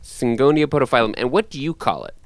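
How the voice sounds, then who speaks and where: A man's voice: medium pitch, sing-song, fast, no echo. A man hosting a podcast in casual chat, rambling with many ums and restarts. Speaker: podcast host.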